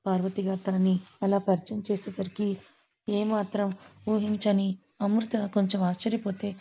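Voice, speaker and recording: A woman narrating an audio story in a steady, even storytelling manner. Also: mid-range voice, normal speed, highs cut off.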